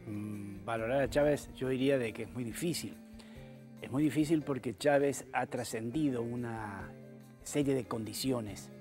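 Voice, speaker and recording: An older man giving deliberate, solemn answers as a studio interview guest, repeating phrases for emphasis. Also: medium pitch, darkish tone. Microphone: lapel mic.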